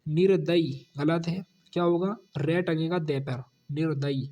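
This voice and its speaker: A man with a Hindi accent teaching a spelling lesson for exam students, repeating each corrected word and dropping low on the answer. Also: fairly even intonation, a little slow, dark tone.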